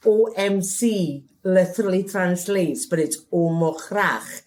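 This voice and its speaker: Scottish gaelic-speaking woman in her 40s, lower voice, easygoing chat. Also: slow pace, a little mellow. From Scotland. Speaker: guest, actor. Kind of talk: casual chat. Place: festival venue.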